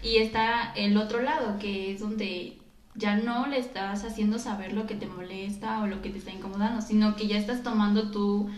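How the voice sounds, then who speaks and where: A woman in casual chat, setting out her views in a reasoned, measured way. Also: medium pitch, steady tone, darkish tone, distant mic. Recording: echoey room.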